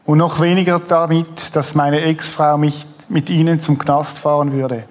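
A man's voice: a little high, little pitch movement, measured pace. Male host, reading aloud attentively. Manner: attentive, frequent murmured agreement. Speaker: host, interviewer. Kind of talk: interview with a read book passage.

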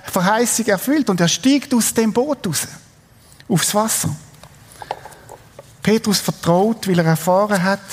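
A middle-aged pastor with a Swiss German accent and a high-sitting, slightly rough voice preaches a sermon, energetically telling a story and putting questions to his congregation. A long reverb tail trails his words.

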